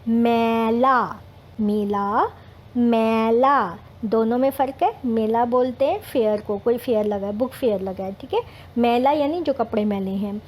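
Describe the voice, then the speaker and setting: A woman's voice: on the high side, mellow, a little hiss or hum. A woman teaching children Hindi vowel signs, sounding out syllables patiently and explaining words, mixing in English terms. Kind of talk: slow, careful Hindi lesson for children.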